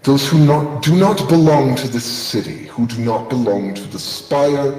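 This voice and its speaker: Massive female dragon voice, played by a male game master, haughty, commanding, slow and swooping, drenched in reverb. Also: medium pitch, lively intonation, darkish tone. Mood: haughty, calculating. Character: massive imperious female dragon, cunning and demanding. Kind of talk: tabletop role-play. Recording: echoey reverb, distant, faint music behind.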